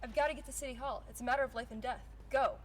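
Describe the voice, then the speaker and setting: An actress playing a hurried, dramatic woman passenger in a video game. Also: sits high, steady tone, a little hiss or hum, close to an everyday voice. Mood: urgent. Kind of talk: video game character acting.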